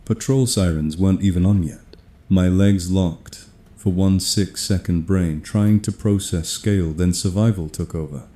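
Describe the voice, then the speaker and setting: A man telling a first-person horror story in a steady, grim, measured way. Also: low-pitched. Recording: echoey room.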